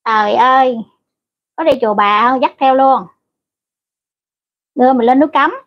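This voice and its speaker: Blunt high-voiced woman. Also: moderate pace, muffled recording. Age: middle-aged. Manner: blunt, scolding and crude toward commenters. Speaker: livestream host. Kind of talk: casual livestream chat.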